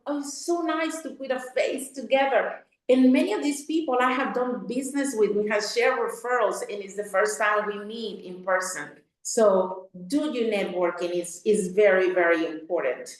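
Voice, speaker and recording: A woman's voice: a little high, moderate pace, hardly any pauses, very echoey, poor audio. A woman from Mexico speaking casually as a webinar panelist, chatty and friendly, with frequent fillers. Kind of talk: casual presentation.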